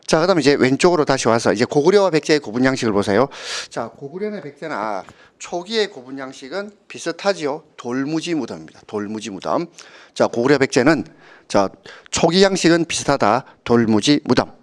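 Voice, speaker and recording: A man's voice: mid-range voice, lively intonation, fairly quick. A man, giving an exam-prep history lecture, often checking with students through short tag questions and telling anecdotes. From Gyeongsang region of Korea. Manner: tells anecdotes and acts out quoted speakers.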